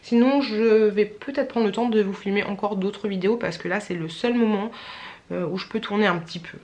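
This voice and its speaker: A woman's voice: mid-range voice, brisk, darkish tone. Chatty young French woman vlogging. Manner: chatty, rambling, many fillers. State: tired. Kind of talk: casual chat to camera.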